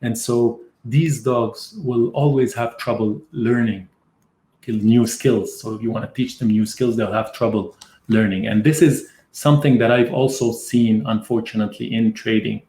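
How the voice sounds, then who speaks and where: Middle-aged male market analyst hosting a webinar; chatty storyteller, medium pitch, recorded in a reverberant room. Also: fairly even intonation, normal speed, mellow. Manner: storytelling, explains with anecdotes. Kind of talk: conversational webinar teaching. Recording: roomy echo.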